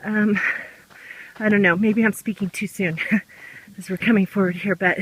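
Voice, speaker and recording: A woman's voice: mid-range voice, fairly even intonation, moderate pace, a bit bright, husky, rough recording. A woman vlogging casually outdoors on a handheld camera, talking while walking through a trail race. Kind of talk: casual vlog chat.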